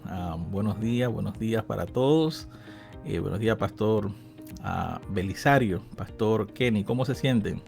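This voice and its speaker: A man's voice: lowish voice, expressive, normal speed, vocal fry, a little mellow, soft background music. A man in his thirties hosting a Bible-lesson radio program, friendly and chatty, laughing often. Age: 30s. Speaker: radio host and pastor.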